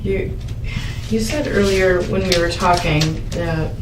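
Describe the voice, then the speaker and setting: A woman's voice: lowish voice, slow pace. A woman interviewing for the police, putting probing questions methodically. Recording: echoey room, distant mic, faint noise.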